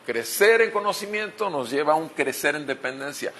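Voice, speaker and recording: A man's voice: fairly high pitch, expressive, normal speed, sharp tone, slight background noise. A man with a Mexican Spanish accent preaching a sermon as pastor, asking rhetorical questions and repeating key phrases.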